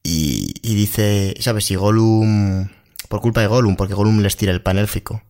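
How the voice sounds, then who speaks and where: A man co-hosting a casual podcast, rambling with restarts and animated retellings. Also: fairly low pitch, normal speed. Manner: rambling, restarts and acted-out quotes. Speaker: podcast co-host. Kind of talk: casual chat.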